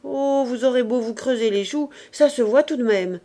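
A woman voicing a stout, imperious bourgeois mother who scolds and accuses her maid in loud, raised outbursts, in an audiobook reading of a novel. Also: on the high side, a little fast, pitched above the performer's own voice. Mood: scolding.

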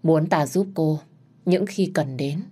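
A woman's voice: low-pitched, slow pace, mellow, husky, full character voice. A woman voicing an older female village shaman who gives stern, instructive warnings.

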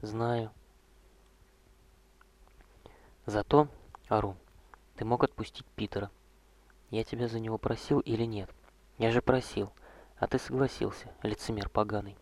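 A man voicing a despairing, self-loathing male necromancer king who pleads and shouts in anguish, with a husky voice. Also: lowish voice, steady tone, normal speed, long pauses. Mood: accusing. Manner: anguished, pleading, raw and loud at times.

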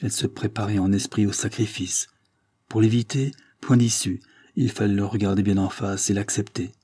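Measured male audiobook narrator, husky. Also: lowish voice, steady tone, mellow. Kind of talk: classic novel reading.

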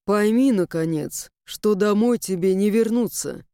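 Brief: woman doing stern young man, storybook, lower and measured, mellow smooth tone. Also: no room sound, clean studio sound, lightly acted. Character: stern young man Inamir, proud and protective. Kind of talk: audiobook character voice.

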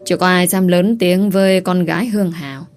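A woman narrating a story in a steady, expressive storytelling voice. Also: lowish voice, a little fast, faint music behind.

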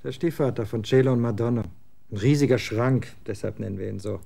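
A gravelly, mid-range male voice carries this German radio drama role of a 20-year-old rocker son. Moody and scornful, the young man uses blunt slang and gets excited quickly.

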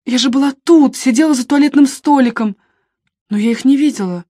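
A woman's voice: sits high, a little fast, dark tone, no echo, studio quality, voice pushed up. A woman voicing an anxious young female photographer in an audiobook, speaking in an agitated, emphatic way. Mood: insistent. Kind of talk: audiobook character reading.

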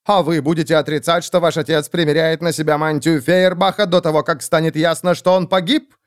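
A man's voice: on the high side, flat delivery, a little fast, clear, resonant tone, pitched above the performer's own voice, natural voice. A man voicing a hot-headed, defiant young male nobleman in an audiobook. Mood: taunting.

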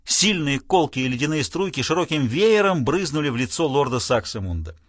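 A man's voice: a little high, big pitch swings, normal speed, fairly bright tone, dry recording, studio quality. A man narrating a novel expressively with a wry storytelling manner. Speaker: audiobook narrator. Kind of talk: scripted narration.

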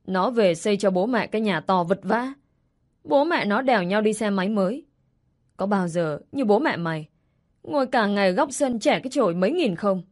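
A woman's voice: medium pitch, expressive, moderate pace, darkish tone, lightly acted. A woman doing a nagging country mother. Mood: scolding. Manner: scolding, grumbling.

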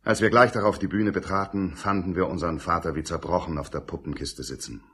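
A man's voice: low voice, steady tone, quick pace, bright, forceful tone, breathy edge, heavily acted. A man playing a narrator who recounts his family's past in scripted audio drama narration. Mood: grave, wistful.

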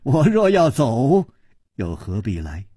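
A male storyteller voicing a calm, unflappable young hero who speaks in a relaxed, dryly amused way. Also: medium pitch, takes it slowly, breathy edge, no echo, clean studio sound, heavily acted. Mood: coolly amused.

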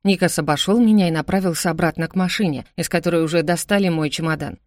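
Female first-person audiobook narrator; steady storytelling, low voice, dry close-mic studio sound. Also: fast, no echo.

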